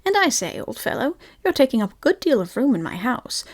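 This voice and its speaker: A woman voicing a fussy, self-important male rabbit in whispered role-play, brisk and prim. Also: high-pitched, sing-song. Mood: cheerful.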